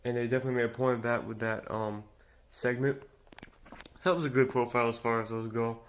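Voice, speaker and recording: A man's voice: medium pitch, fairly even intonation, fast talker. Congested man rambling through a show review. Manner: rambling, many fillers and restarts. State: congested from recent illness. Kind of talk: casual unscripted commentary.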